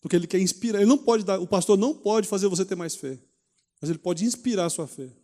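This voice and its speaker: A pastor teaching a Bible study in a conversational preaching manner, often asking rhetorical questions. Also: male voice, high-pitched, fast, warm tone, in a large hall. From Brazil. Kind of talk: sermon teaching.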